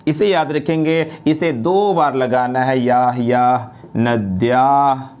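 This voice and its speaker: Slow, patient male grammar teacher. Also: medium pitch, fairly even intonation, a little mellow, clear, resonant tone, highs cut off. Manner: slow, drawn-out recitation of word forms; addresses students directly, repeats each form. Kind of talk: classroom grammar lesson.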